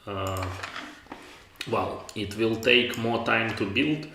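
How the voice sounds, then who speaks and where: A man's voice: lowish voice, fairly even intonation, slow pace, noisy background. A man giving casual live-stream commentary, hesitant and thinking aloud in non-native phrasing. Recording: roomy echo with music behind. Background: game music.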